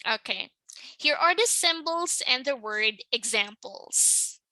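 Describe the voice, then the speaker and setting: Woman teaching pronunciation, slow and patient, bright voice, dry close sound. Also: high voice, animated, dry recording, poor audio. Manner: patient, checks in with "right?" and "okay?". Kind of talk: slow explanatory lesson.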